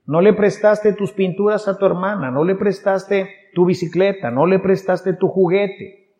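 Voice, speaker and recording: The preacher, speaking with a Mexican Spanish accent, keeps his sermon casual and conversational and acts out little everyday moments. He has a high voice with a dark tone and a measured pace, and the recording sounds dull inside a long hall reverb.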